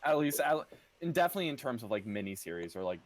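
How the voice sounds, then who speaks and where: A young man co-hosting a casual podcast, giving halting, hesitant opinions. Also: medium pitch, big pitch swings. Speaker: podcast co-host. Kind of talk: casual chat.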